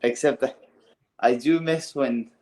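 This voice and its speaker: A man's voice: mid-range voice, measured pace, a little mellow. A man co-hosting a wrestling podcast in casual chat, rambling and hedging as he thinks aloud. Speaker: podcast co-host.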